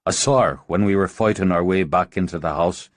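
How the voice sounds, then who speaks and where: A man voicing a weary male sorcerer warrior in an audiobook, low and heavy. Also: a little fast, no echo, lightly acted.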